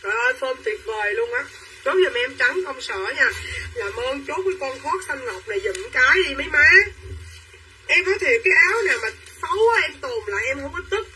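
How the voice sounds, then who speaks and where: A young woman hawks clothes to her livestream viewers. Her voice is high and very bright, and she keeps urging buyers to claim pieces. She sounds set back from the microphone, with faint background noise. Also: lively intonation, far from the mic, poor audio. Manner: quick and pushy, urging buyers to claim items. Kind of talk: live-selling chatter to viewers.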